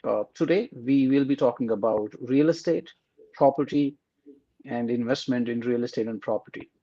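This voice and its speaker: A man's voice: medium pitch, moderate pace, warm tone. A man hosting an interview over a video call, talking in a friendly, rambling way with many fillers. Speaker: host. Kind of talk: casual interview. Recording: slightly dull lo-fi sound.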